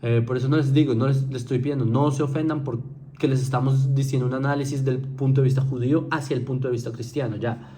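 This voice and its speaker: A man's voice: medium pitch, steady tone, fast talker, dark tone, slight background noise. A man giving an informal spoken lecture to viewers, conversational, often checking in with "¿sí?" and restarting his sentences. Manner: conversational, keeps asking "¿sí?" to check understanding; frequent fillers and restarts, mocking mimicry.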